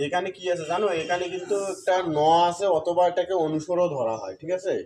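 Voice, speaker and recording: A man teaching Sanskrit pronunciation step by step, repeating syllables slowly and asking questions he then answers himself. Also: sits high, expressive, a little mellow. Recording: crowd noise in background.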